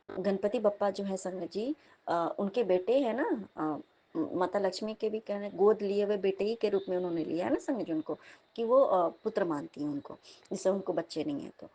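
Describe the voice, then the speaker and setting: A young woman, telling of a dream as devotional testimony in a lively storytelling manner, often turning to her listeners. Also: mid-range voice. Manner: animated storytelling, repeatedly addressing listeners. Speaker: devotee sharing a dream at satsang.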